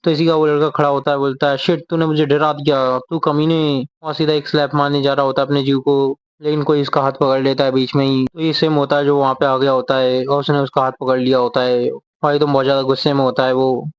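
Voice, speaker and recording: A man retelling a manga story, quoting the characters' lines in his own steady voice without acting them out. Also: mid-range voice, fast talker, few pauses, clear, resonant tone, dull audio. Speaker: manga explainer.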